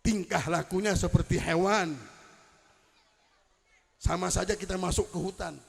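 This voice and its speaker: A man preaching to a crowd, his high voice rough and gravelly. He tells stories with emphatic, rising delivery and mixes in Arabic quotes. The sound carries a long hall echo from the venue. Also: steady tone, a little slow. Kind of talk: religious lecture at a public celebration. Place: large event hall.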